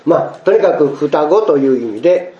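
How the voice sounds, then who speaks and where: A male pastor preaching a sermon to his congregation, expressive and acting out the quoted speech. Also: a little high, moderate pace, echoey room, lo-fi sound.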